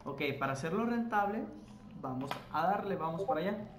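Brief: male game tutorial host, fairly high voice, chatty and self-correcting, echoey room with faint hiss. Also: lively intonation, brisk. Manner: chatty, addresses viewers as "chicos", self-corrects while explaining. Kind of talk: casual gameplay tutorial.

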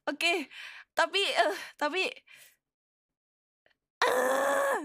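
A woman streamer, chatting excitably and stammering in flustered repeats as she reacts to viewers. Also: very high voice, drawn-out words, gravelly, no room sound, clean studio sound. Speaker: VTuber streamer. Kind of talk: live game stream chat, reacting to viewers.

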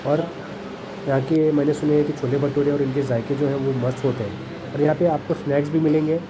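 A man's voice: a little high, fairly even intonation, brisk. A man narrating a casual food review in a small café, chatty and enthusiastic, with some hesitant fillers. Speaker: food vlogger. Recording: noisy café background.

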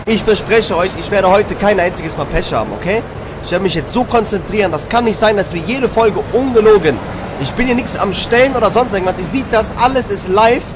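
This let's play commentary comes from a man in his twenties with a high-pitched, brisk voice, swearing and grumbling in heavy street slang. A large headset microphone sits near his mouth in a small room at home, with game music and effects in the background.

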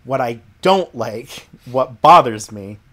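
A man's voice: medium pitch, expressive, slow, a bit bright. A young man in his twenties co-hosting a podcast in casual chat, easygoing and jokey, often chiming in with agreement. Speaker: podcast co-host.

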